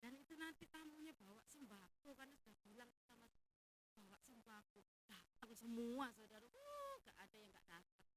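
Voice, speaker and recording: A woman pastor preaching a sermon, acting out her congregation's complaints in a lively, raised voice. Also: on the high side, brisk, rough recording. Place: church.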